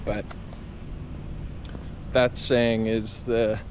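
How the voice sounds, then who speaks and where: A man's voice: fairly low pitch, flat delivery, very slow. A man talking reflectively to camera in an earnest, confessional way, as a running vlogger. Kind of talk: reflective vlog talk to camera. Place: outdoors on a campus. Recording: clear outdoor traffic and ambient noise.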